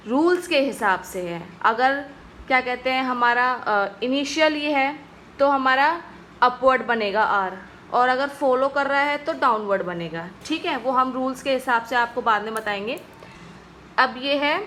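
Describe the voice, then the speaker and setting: A woman's voice: high-pitched, bright, forceful tone, slight background noise. A woman teaching a stenography lesson, patiently explaining each stroke and often checking in with her viewers. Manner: patient, repeats "ठीक है guys" often.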